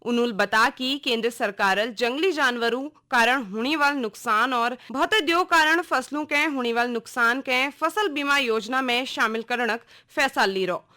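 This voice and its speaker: This woman, who has a Kumaoni accent, reads a scripted regional radio news bulletin with a formal, measured announcer's delivery. Her voice sits on the high side, with a bright, forceful tone.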